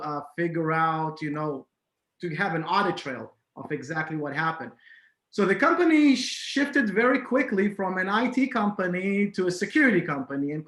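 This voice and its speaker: A man's voice: fairly high pitch, fairly bright tone. Echoey-sounding Israeli-born man as podcast guest. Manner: hesitant, many fillers and restarts. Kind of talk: casual interview talk. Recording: echoey room.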